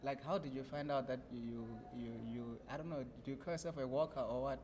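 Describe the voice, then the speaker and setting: A man from South Africa hosting a podcast, asking questions in a friendly, quick-fire way. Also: medium pitch, fairly even intonation, noisy background. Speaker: podcast host. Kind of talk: casual interview chat. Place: podcast studio.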